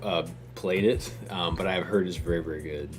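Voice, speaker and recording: A man co-hosting a sports podcast, talking casually, emphatic and excitable, with casual swearing. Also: low voice, moderate pace, music in the background. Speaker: podcast co-host.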